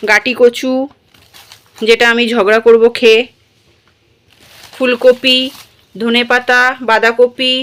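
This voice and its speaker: A woman's voice: on the high side, a bit bright. A woman in a casual vlog, talking straight to her viewers as she shows what she bought. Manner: chatty, addresses viewers directly. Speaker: vlogger.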